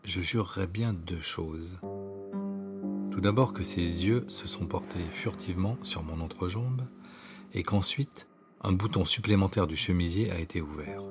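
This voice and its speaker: A man reading his own autobiographical story as scripted narration, in an intimate, hushed way that at times drops to a whisper. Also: deep voice, measured pace. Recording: narration over clear background music.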